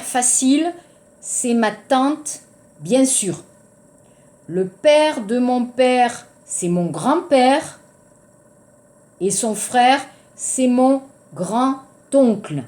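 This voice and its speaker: A woman teaching French in a bright, high voice, taking her time over every phrase. She repeats words and sentences for learners to copy and slips in Korean terms along the way. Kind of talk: classroom lecture with drills.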